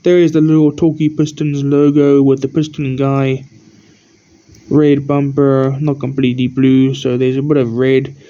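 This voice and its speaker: A tired man who keeps yawning gives a rambling, halting show-and-tell of his toy collection as the channel host, pointing out details one by one. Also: mid-range voice, monotone, mellow. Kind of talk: casual show-and-tell narration. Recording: dull lo-fi recording.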